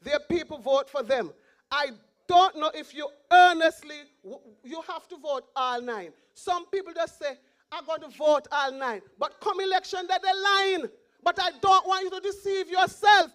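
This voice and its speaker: A woman's voice: extremely high pitch, normal speed, fairly bright tone. A woman with a Montserrat accent giving an impassioned, pleading rally speech as a political candidate, repeating her slogans.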